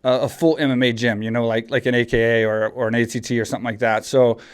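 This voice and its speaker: This man in his forties from Texas hosts a podcast, chatting casually and rambling with many restarts and fillers. He speaks fast and smoothly at medium pitch, with fairly even intonation.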